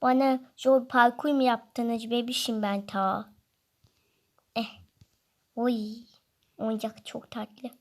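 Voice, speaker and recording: A woman's voice: fairly high pitch, level tone, slow pace, pauses often. A woman giving playful game commentary, whining in fun as if she were a baby. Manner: playful, whiny, pretending to be a baby. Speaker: gaming video host.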